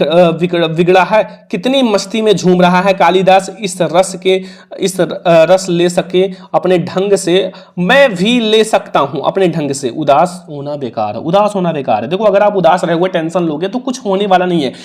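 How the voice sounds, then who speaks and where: A man with a Hindi accent teaching an exam prep lesson in a casual, coaxing way, repeating the answers and the marks. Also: high voice.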